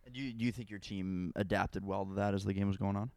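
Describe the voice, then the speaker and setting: A man's voice: fairly low pitch, fairly even intonation, fast, darkish tone, dry recording. An American man hosting a podcast, chatting casually as he interviews a guest in a team locker room. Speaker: podcast host.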